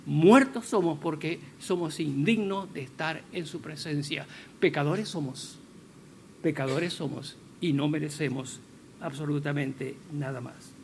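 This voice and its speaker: A man preaching a sermon in a church, stressing key words slowly and building to loud, firm declarations. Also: on the high side, slight background noise.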